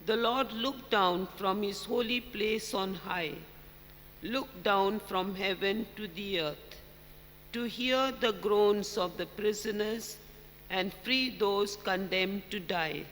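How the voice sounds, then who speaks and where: High-pitched male lector in an echoing church. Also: slow pace, fairly bright tone. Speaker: lector reading the psalm at Mass. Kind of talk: solemn scripture reading. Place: large church during Mass. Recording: echoing church, long reverb, background noise.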